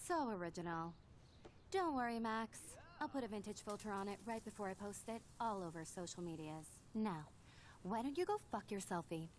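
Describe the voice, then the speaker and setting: A snobby teenage mean girl voiced by a woman in a video game. She sneers and condescends at a middling pitch, with faint noise behind her. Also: animated, moderate pace, natural voice. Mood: mocking, sneering.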